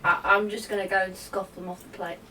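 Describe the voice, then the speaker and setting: A woman's voice: mid-range voice, level tone, fairly quick, sharp tone. A woman chatting casually as a player in a tabletop game. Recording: noisy, distant microphone.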